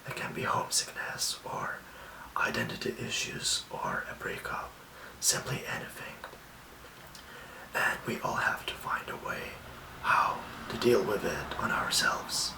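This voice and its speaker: A young man from Lithuania, giving soft, reassuring self-care tips in a whispered ASMR talk. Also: lowish voice, expressive, creaky, echoey room, distant mic, poor audio. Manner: soft, slow and gently reassuring. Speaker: ASMR host.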